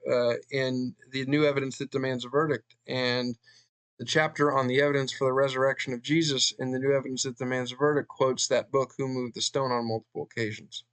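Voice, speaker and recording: A man reading a book chapter aloud and adding his own commentary, earnest, with fillers and pauses between passages. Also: mid-range voice, a bit bright, smooth. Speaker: channel host reading a book.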